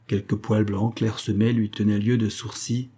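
A man reading a classic novel aloud as an audiobook narrator, in a measured, even-paced manner. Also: lowish voice, breathy edge.

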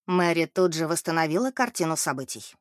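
A woman narrating a novel aloud in an expressive, measured way. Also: deep voice, dry recording, clean studio sound.

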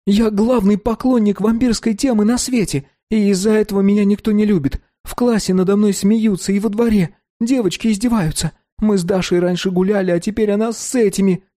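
A man reading an audiobook voices an anxious, eager fifteen-year-old boy who rushes his words. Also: close to an everyday voice. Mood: pleading. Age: 15 (figure). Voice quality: high, pleading, breathless voice. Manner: earnest and rushing, voice climbing when excited. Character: anxious, eager teenage boy obsessed with vampires. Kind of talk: audiobook character voice.

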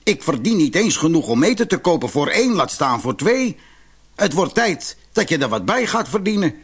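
A man's voice: fairly high pitch, very animated, normal speed, slightly rough. A man doing a grumbling, mocking fiddler. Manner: scolding, grumbling. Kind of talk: storybook reading.

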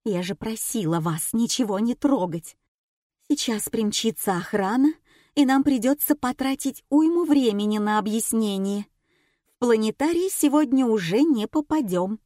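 A woman's voice: on the high side, lively intonation, moderate pace, dark tone, no echo, studio quality, voice pushed up. A woman voicing a nervous female tour guide who tries to keep order. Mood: anxious. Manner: orderly, anxious.

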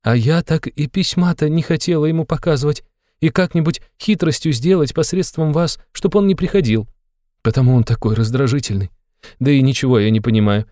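A man reading an audiobook, voicing a flustered, tearful aging mother in a high, breathless voice. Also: mellow, no room sound, clean studio sound, lightly acted. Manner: breathless, rushed, exclamatory.

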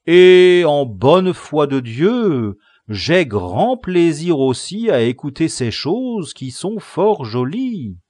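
A man's voice: on the high side, very animated, slow pace, few pauses, darkish tone, dry recording, pitched above the performer's own voice, full character voice. A gushing romantic servant woman, as a man puts her on. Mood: dreamy.

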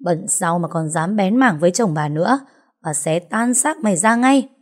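A woman's voice: fairly low pitch, moderate pace, dark tone, lightly acted. A woman narrator voicing a furious, heavyset middle-aged wife who hurls insults in an audiobook story. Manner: screeching insults, theatrical wailing.

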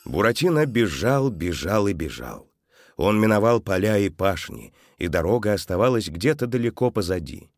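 Male audiobook narrator, low voice, animated delivery, close dry sound. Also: moderate pace, dry recording. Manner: expressive, dramatic storytelling. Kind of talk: storybook narration.

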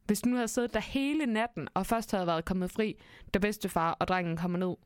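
A woman's voice: mid-range voice, clear, resonant tone, dry recording, clean studio sound. A woman co-host chatting casually about a story, asking questions and readily agreeing.

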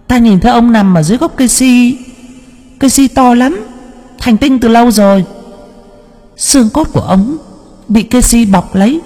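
A man's voice: very high voice, a little mellow, breathy edge, long reverb tail, pitched above the performer's own voice, exaggerated voice. A man voicing a stern possessed spirit medium who scolds and lectures the people who come to ask questions, in an audiobook. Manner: scolding, commanding. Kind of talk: audiobook character voice.

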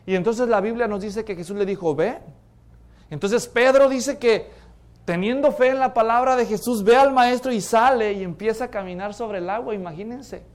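A preacher with a high-pitched voice delivers a sermon in a dramatic storytelling manner. He acts out the voices of the people in his story and then drops to a quieter tone to stress his main points. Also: a little fast.

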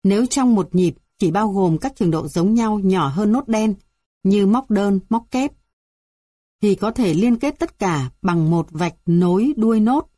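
Reading scripted narration from a music theory textbook, a woman works through numbered points in a calm, measured way. Her voice is mid-range, warm and mellow. The sound is close and dry, without any room tone.

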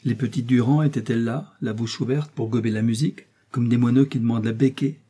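Un homme qui prête sa voix à une femme vive et perspicace, taquine et câline, dans un livre audio. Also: male voice, medium pitch, fairly even intonation, quick pace, dark tone, slightly rough, close to an everyday voice. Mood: teasing, coaxing. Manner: arch, coaxing, playful. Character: lively shrewd middle-aged woman, teasing invalid friend.

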